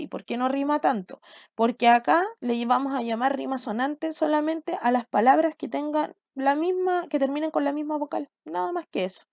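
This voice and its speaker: A woman's voice: sits high, creaky, darkish tone, dry recording, lo-fi sound. A woman from Chile teaching a class, explaining step by step and often checking with "¿cierto?" and "¿ya?". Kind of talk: recorded online class.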